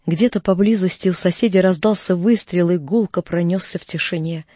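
A man narrating a classic story as an audiobook reader, steady and measured. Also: high-pitched, no echo. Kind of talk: scripted literary narration.

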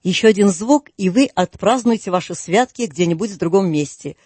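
A cranky old skinflint snaps and grumbles, played by a male reader. The voice sits low and husky, clipped and scornful, in a dry, close audiobook recording. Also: expressive, fairly quick, darkish tone, dry recording. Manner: grumbling, curt, indignant. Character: grumpy miserly old man, scornful. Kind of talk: audiobook reading.

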